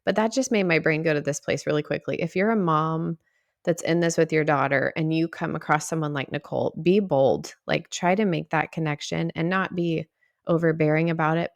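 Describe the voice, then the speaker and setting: A woman co-host with a low, slightly gravelly voice talks in an eager, gushing way. The sound is close and dry. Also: no room sound. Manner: warm, gushing and enthusiastic. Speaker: podcast co-host. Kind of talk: casual podcast chat.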